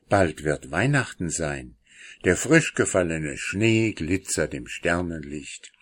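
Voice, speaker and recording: A man reading a children's story aloud in a lively, expressive way. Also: low voice.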